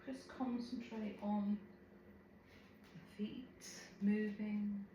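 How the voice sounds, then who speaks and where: A woman instructor giving serene, gentle, unhurried cues in a live tai chi and qi gong class. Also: mid-range voice, fairly even intonation. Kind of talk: live movement class instruction, calm cueing. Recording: very echoey room, faint background noise.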